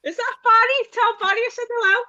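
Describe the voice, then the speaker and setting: A Scouse woman hosts a casual live stream, chatting and laughing often with her viewers. Her very high voice is fast and sharp with fairly even intonation, and the dull lo-fi stream audio sounds dry.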